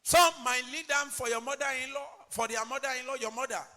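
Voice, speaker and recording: A male pastor preaching a sermon emphatically, swinging between loud declarations and low asides. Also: fairly even intonation, fairly quick, long reverb tail.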